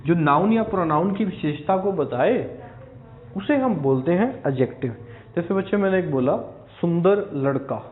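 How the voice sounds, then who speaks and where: A man's voice: sits high, animated, normal speed. A man teaching an English grammar lesson to exam students. He explains step by step, repeats key words for stress and keeps checking in with his class. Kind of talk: recorded video lesson for exam aspirants. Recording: echoey room, tinny phone-like sound.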